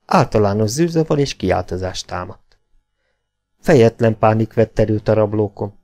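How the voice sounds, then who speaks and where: Brief: male audiobook reader with a creaky, gravelly voice, telling an adventure story with dramatic flair. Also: on the low side, warm tone. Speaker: audiobook narrator. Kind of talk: scripted audiobook narration.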